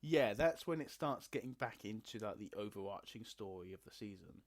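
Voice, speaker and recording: A man co-hosting a casual podcast, excitable and laughing often. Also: fairly low pitch, moderate pace. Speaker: podcast co-host. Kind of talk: casual chat.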